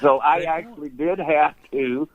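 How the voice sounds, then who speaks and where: A man's voice: fairly high pitch, a little slow, dull audio. An older man from Eastern Tennessee with a Southern accent, telling a rambling, folksy story as an interview guest and chuckling as he goes. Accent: Southern American. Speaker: guest sportscaster.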